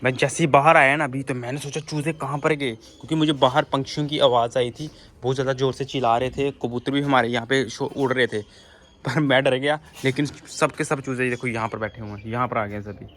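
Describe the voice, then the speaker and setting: A man's voice: medium pitch, fairly even intonation, a little fast, fairly bright tone, a little hiss or hum. A young man vlogging at his backyard bird enclosure, chatting casually to viewers while feeding his pigeons and chicks. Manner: chatty, addresses viewers as friends. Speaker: vlogger keeping birds and rabbits. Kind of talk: casual vlog narration. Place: outdoor rooftop bird enclosure.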